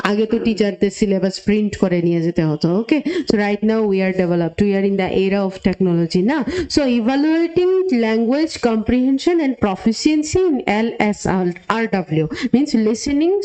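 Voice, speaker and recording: Mellow-voiced woman teaching a class. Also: a little high. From Tripura, India. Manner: explains step by step, checks in often with "ঠিক আছে?"; mixes English terms into Bengali. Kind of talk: classroom lesson.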